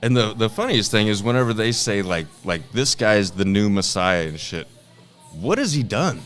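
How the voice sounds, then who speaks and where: A man's voice: lowish voice, lively intonation, normal speed, fairly bright tone, soft background music. A man talking over beers in crude, laughing banter as co-host of a podcast. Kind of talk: casual chat over beers.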